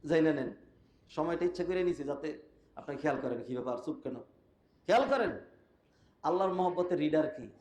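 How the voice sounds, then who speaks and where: Hoarse male preacher, high-pitched, fiery sermon, echoey mosque hall. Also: lively intonation, brisk, long pauses, a little mellow. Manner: impassioned, rhetorical questions, mixes colloquial dialect with Arabic recitation.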